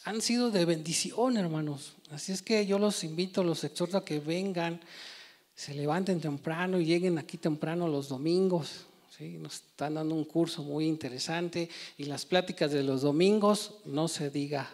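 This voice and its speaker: Male preacher, emphatic sermon delivery, voice on the higher side. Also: normal speed, a little mellow. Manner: emphatic with frequent rhetorical "¿sí?" and "hermanos". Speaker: church preacher.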